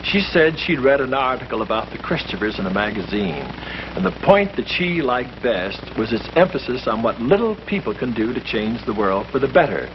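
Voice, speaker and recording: Through the hiss of a muffled old film soundtrack, a priest in a 1951 short film delivers earnest scripted lines while leading a small-group discussion. His medium-pitched voice moves at a normal pace, emphasizing points with lively, preacherly energy.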